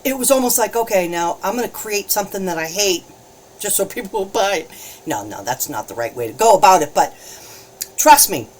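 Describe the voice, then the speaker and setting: A woman hosting a live painting demonstration, chatting in a bubbly way, laughing often and greeting viewers warmly. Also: mid-range voice, expressive, brisk. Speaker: alcohol ink painting host. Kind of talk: casual live-stream painting demo.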